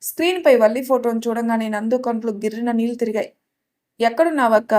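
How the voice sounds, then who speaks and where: Woman storyteller, serial audio narration, steady pacing, higher pitch. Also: very fast.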